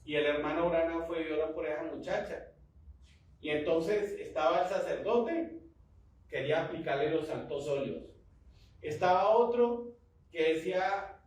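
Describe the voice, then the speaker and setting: A man's voice: a little high, darkish tone, far from the mic. Man preaching in an echoey church hall. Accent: Colombian Spanish. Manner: preaching with rising fervor and call-and-response. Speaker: pastor. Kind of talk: sermon.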